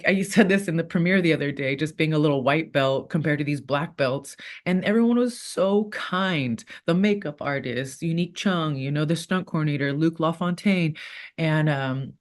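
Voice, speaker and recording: A woman in her thirties, a former fighter turned actor, talking casually in an interview and rambling with frequent laughs. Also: low-pitched. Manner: chatty, rambling, laughs often.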